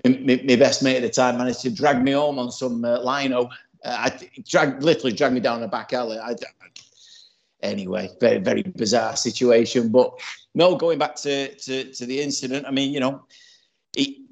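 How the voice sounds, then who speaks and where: An earnest man co-hosting a casual podcast, rambling with plenty of restarts. He speaks at an ordinary, middle pitch. The audio is muffled and lo-fi, as if sent from a remote line. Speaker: podcast co-host.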